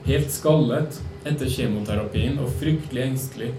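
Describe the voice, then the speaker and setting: A man's voice: medium pitch, natural voice. Shameless chatty mother, read by a man, matter-of-fact, sly, distant mic, background noise. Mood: breezy. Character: pushy talkative middle-aged mother, shameless fibber. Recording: roomy, distant, noisy recording.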